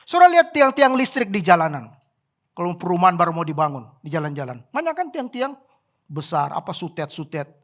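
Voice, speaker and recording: A pastor preaching a sermon at a church service, swinging from soft, quiet remarks to loud exclamations and acting out prayers and cries. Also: medium pitch, brisk. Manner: animated, acts out prayers and cries.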